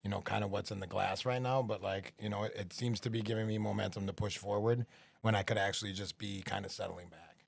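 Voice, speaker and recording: A man's voice: on the low side, steady tone, fast talker, creaky, breathy edge, no room sound. A man talking as a podcast guest in loose, upbeat casual chat, full of fillers.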